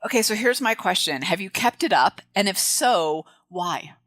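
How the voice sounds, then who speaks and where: Chatty and upbeat with quick bursts of laughter, a podcast host introduces the show and then chats casually with a guest. Pitch is medium, intonation lively, tone a bit bright, and there's no echo.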